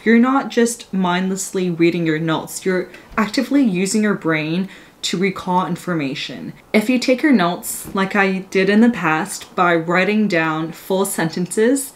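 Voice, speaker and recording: A young woman, a pharmacy student, walking through her study notes in an upbeat, explanatory voice-over. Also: mid-range voice. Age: young adult. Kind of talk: study tips screen walkthrough.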